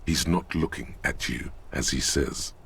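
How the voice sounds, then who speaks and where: Tiefen, kratzigen Spielerzähler. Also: male voice, creaky, a bit bright, husky, heavily acted. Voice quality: deep, measured, ominous. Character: gravelly omniscient male game narrator. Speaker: narrator. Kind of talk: second-person game narration.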